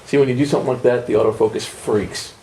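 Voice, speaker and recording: A man's voice: mid-range voice, fairly even intonation, quick pace, dark tone. A man working as a camera operator, giving casual directions to the people he is filming. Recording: noisy location sound.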